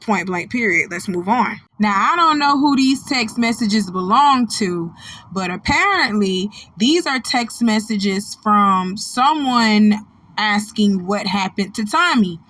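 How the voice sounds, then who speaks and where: A woman's voice: mid-range voice, lively intonation, slow pace, fairly bright tone, no echo. A woman with an American accent hosting a gossip channel, talking casually to followers in a sassy, blunt, slangy way and repeating phrases for emphasis. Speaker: host of a gossip video channel.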